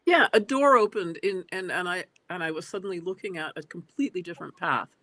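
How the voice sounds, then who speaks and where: A woman's voice: on the low side, quick pace, bright, forceful tone, no room sound. Woman in her 60s on a video call. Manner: thoughtful, with frequent hesitant fillers. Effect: heard over a video call. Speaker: guest. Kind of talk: reflective interview talk. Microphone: computer on a video call.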